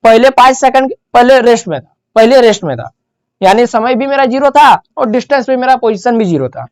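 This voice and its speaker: A woman with a slightly raised pitch gives a physics lesson, building each point step by step. She keeps asking the class rhetorical questions and answering them herself. The recording is close and dry. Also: animated, a little fast, darkish tone, dry recording. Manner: explains step by step, repeats key terms, asks rhetorical questions. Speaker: physics teacher. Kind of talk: classroom lecture.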